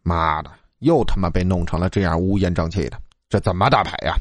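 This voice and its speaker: A man's voice: low-pitched, fairly quick, no room sound, pitched below the performer's own voice. Man playing a crude, swearing student. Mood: irritated. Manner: coarse, swearing. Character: crude, easygoing male card-playing student.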